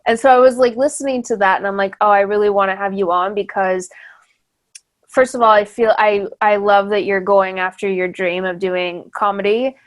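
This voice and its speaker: A young woman hosts a podcast in a relaxed interview chat, laughing easily and using lots of fillers and restarts. Her mid-range voice holds a steady tone at a moderate pace.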